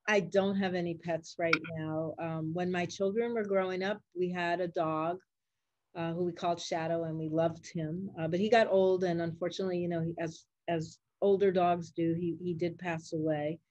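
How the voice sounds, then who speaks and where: Warm and on the low side, with little pitch movement, her voice moves at a normal speed over a dry, lo-fi recording. She's an older woman, a grandmother and doctor from Puerto Rico or Puerto Rican family, native in Spanish and English. She answers interview questions casually, encouraging children in simple language.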